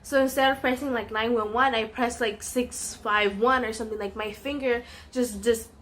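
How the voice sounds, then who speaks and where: A woman's voice: a little high, fairly even intonation, normal speed, a bit bright, slight background noise. Lady doing a storytime vlog, lots of um and you know, chatty and sincere. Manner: rambling, full of "um" and "you know". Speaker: vlogger telling a personal story.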